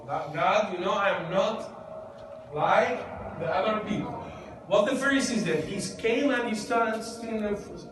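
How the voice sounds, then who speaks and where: A male pastor with a voice that sits high speaks at a measured pace, leading an interactive Bible lesson in a conversational manner and putting questions to the congregation. The church recording is noisy, with a distant mic in an echoey hall.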